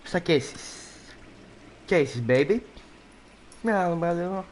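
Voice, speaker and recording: Young man, game streamer, jokey rambling commentary, slightly high voice, faint hiss behind. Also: expressive. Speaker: gameplay streamer. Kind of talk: casual live commentary over a game.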